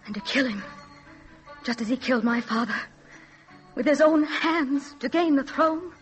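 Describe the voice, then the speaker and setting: An actress playing an alluring, anxious, scheming princess in an urgent 1940s radio drama style. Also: female voice, high voice, moderate pace, soft background music, close to an everyday voice. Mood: grave, bitter.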